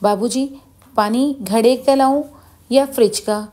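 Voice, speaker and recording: A woman's voice: a little high, measured pace, dark tone, voice pushed up. A foolish, cheerful young wife, as a woman storyteller puts her on. She asks everything with eager innocence and a sing-song lilt, as in a storybook family tale. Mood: innocent. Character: naive young daughter-in-law, cheerful and foolish.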